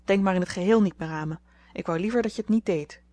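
A woman's voice: medium pitch, fast, dark tone, close to an everyday voice. A woman reading the part of a flustered, timid young girl who stammers shyly. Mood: defiant. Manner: stammering, shy.

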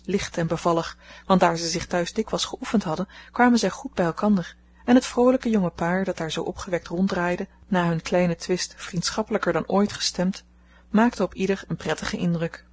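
Husky-voiced woman reading a novel. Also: lowish voice, normal speed, a little mellow. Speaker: audiobook narrator. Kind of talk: storybook narration.

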